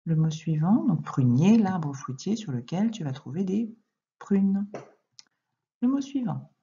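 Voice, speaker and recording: A woman teaching young children to read, speaking slowly and clearly and addressing the child directly as she dictates. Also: fairly low pitch, sing-song, warm tone, highs cut off. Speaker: primary school teacher. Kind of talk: recorded reading lesson and dictation for young children.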